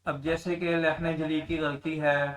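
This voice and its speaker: Male Quran tajweed teacher, slightly high voice, explains then chants slowly, mic set back. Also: little pitch movement, recorded from a distance, rough recording. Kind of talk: tajweed lesson with demonstrations.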